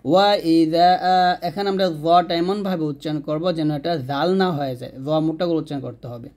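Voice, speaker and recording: A man teaching Quran recitation, chanting each verse slowly and drawn out, then explaining the letters and pauses. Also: a little high, fairly even intonation, darkish tone. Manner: slow drawn-out chanting of verses between quick spoken explanations.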